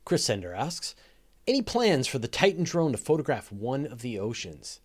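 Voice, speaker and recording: A man with a medium-pitched, sing-song voice speaks at a normal speed. He's hosting a casual live science Q&A, answering audience questions conversationally and thinking aloud with enthusiasm.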